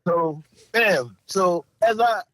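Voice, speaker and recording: A man's voice: high voice, slow, fairly bright tone, no echo. A man telling a story in casual podcast chat, emphatic and profane, laughing often. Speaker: podcast co-host.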